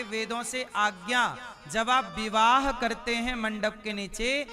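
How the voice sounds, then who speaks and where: A male preacher giving a sermon, putting rhetorical questions to his listeners. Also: high-pitched. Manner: asks the audience rhetorical questions. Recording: music playing under the voice.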